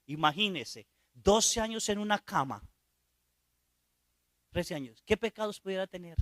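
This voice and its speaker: A man, a priest, telling a story in a sermon. He drops into quiet asides and puts rhetorical questions to his listeners. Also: sits high, animated, measured pace, no room sound.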